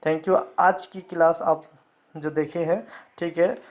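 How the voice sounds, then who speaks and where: Man lecturing in slow, halting steps. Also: fairly high pitch, steady tone. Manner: repeats a check-in tag after nearly every point; reads English lines out slowly, word by word. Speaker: teacher. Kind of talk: explanatory lecture.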